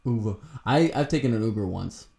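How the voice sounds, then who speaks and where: A man's voice: fairly low pitch, lively intonation, fairly quick, vocal fry, mellow. A young man co-hosting a casual podcast, telling crude, rambling stories with lots of laughter. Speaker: podcast co-host.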